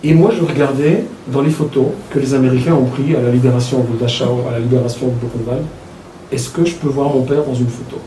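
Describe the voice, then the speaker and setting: A man in his sixties from Belgium, an author recounting his childhood in a reflective, halting way. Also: mid-range voice, fairly even intonation, mellow, a little hiss or hum. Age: 60s. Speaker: author talking about his book. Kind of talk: personal storytelling talk. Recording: echoey room from a distance.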